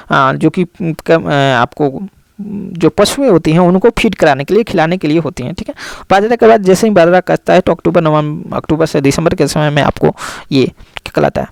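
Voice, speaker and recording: A man's voice: on the high side, gravelly, darkish tone, no room sound. A man teaching a lesson, explaining step by step and repeating key terms with many fillers. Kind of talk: classroom lecture.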